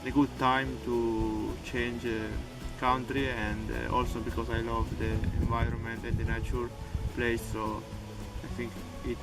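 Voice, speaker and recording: Flat-voiced hesitant young man. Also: medium pitch, measured pace, hardly any pauses. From Peru. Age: young adult. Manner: hesitant, broken phrasing. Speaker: volunteer. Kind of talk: interview answers. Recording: distant mic with loud music.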